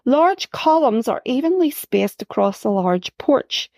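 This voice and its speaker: In a high voice, a woman narrates her own story in the first person, unhurried and softly expressive, pitching up for the dialogue. The sound is dry and clean, recorded in a studio.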